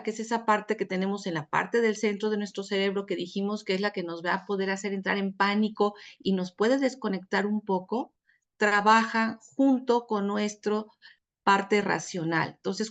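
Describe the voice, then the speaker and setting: A woman, co-hosting a book discussion in an expressive teaching tone, often speaking to the listeners directly. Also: mid-range voice. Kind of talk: casual explanatory talk.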